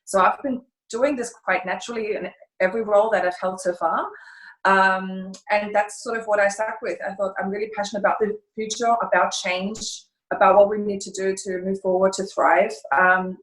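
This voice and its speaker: This guest, a middle-aged consultancy founder from Germany, speaks with a German accent at medium pitch, her fairly bright tone steady and her pace moderate. Answering on a video call from home by the fireplace, she thinks carefully, hesitates often, and gropes for words in an echoey room.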